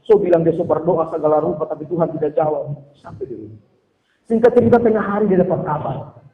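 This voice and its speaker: A man's voice: a little high, fast talker, phone-quality sound. A male pastor, preaching a sermon animatedly and acting out the people in his stories. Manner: animated preaching with acted-out quotes. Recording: echoey hall with long reverb.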